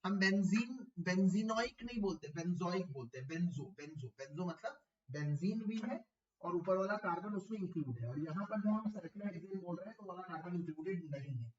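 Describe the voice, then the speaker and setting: A man's voice: high-pitched, expressive, normal speed, muffled recording. A man teaching a chemistry class online, explaining step by step and repeating key terms, asking his students questions. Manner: addresses students as beta, asks them questions.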